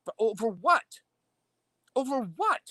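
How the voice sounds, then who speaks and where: A man's voice: very high voice, big pitch swings, measured pace, a crowd in the background. A man who hosts his own show, talking in an emphatic, indignant way in a heated political discussion. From Illinois. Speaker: show host.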